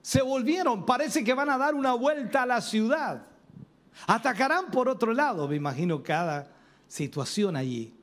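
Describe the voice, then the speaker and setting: Animated high-voiced male preacher. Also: normal speed. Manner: animated storytelling addressing the congregation. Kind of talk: sermon.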